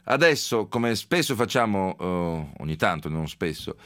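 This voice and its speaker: A male radio host running a live economics show, reeling off stock market figures briskly with frequent fillers, in a studio. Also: low-pitched, expressive, fairly bright tone, dry recording. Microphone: studio mic.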